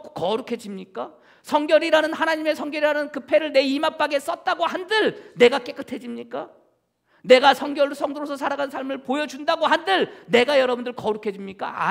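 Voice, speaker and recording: A man preaching in a church, his voice pitched very high and edged with a gravelly rasp. He keeps putting questions to the congregation and answering them himself, and his pitch swings widely as he goes from loud emphasis to hushed asides. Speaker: pastor. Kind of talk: sermon. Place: church sanctuary.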